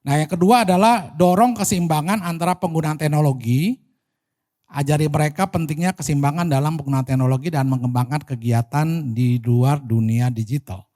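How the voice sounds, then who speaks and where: A man's voice: fairly high pitch, moderate pace, dark tone. A man with an Indonesian accent preaching a church sermon in a conversational way, speaking directly to the congregation.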